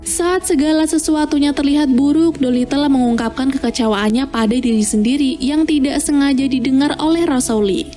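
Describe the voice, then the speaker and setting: High-pitched woman narrating, mellow tone. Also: a little fast, soft background music. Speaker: narrator of film plot recaps. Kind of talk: scripted storytelling narration.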